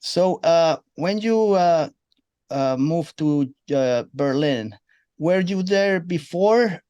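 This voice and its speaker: A man with a fairly high voice hosts a casual interview. His questions wander and restart, padded with "uh" and "you know". His sound is close and dry, with no room echo. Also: lively intonation, slow pace, warm tone, clear, resonant tone, dull audio. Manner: rambling, meandering questions with fillers. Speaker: interview host.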